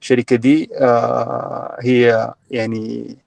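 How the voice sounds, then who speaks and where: A man's voice: mid-range voice, flat delivery, slow pace, creaky, darkish tone, no echo. A young man from Sudan telling his story as a guest in a casual online chat, with many fillers and restarts. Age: young adult.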